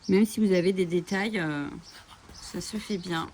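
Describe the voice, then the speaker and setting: A woman speaks at a measured pace in a lowish, slightly mellow voice while casually paging through coloring books for her coloring channel. She chats with enthusiasm and frequent fillers. Birds chirp over slight background noise.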